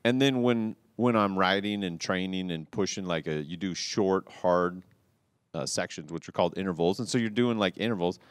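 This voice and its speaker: A man on a casual talk show, telling a rambling story with restarts and loud quoted outbursts. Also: sits low, moderate pace, clear, resonant tone, no room sound. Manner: animated, rambling, restarts, quotes people loudly. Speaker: podcast co-host telling a cycling story.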